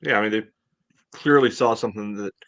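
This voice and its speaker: His fairly low, slightly bright voice moves at a fairly quick pace as this middle-aged American breaks down sports casually as a podcast co-host. He's indoors in a home room, on a video call through his computer.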